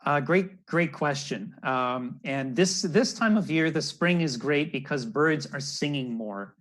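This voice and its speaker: Over a video call on wired earbuds, a male naturalist and storyteller gives an educational talk for children from a room in his home. His voice sits fairly high and sounds fairly bright, with lively intonation and a measured pace.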